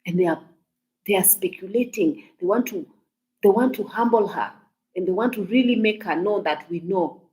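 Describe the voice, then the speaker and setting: A woman's voice: medium pitch, moderate pace, warm tone. A woman from Kenya with a Kenyan accent, giving casual, talkative commentary on celebrity gossip to her viewers, emphatic and repeating herself. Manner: mixes in Swahili phrases.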